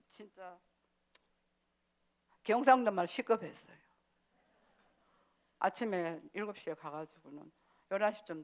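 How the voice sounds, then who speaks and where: A woman giving a sermon testimony, telling her story with animation and acting out pleading prayers. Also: fairly high pitch.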